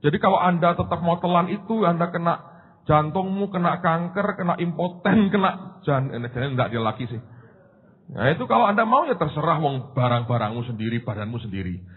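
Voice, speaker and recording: A man's voice: a little high, a little fast, husky. A man preaching a sermon, telling stories animatedly and acting out the dialogue. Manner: animated storytelling, acting out dialogue, laughing at own jokes. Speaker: pastor. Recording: tinny phone-like sound with long hall reverb.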